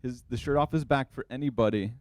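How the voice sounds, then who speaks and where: A man's voice: medium pitch, fast talker. A young man giving an earnest, heartfelt wedding toast as the groom's older brother.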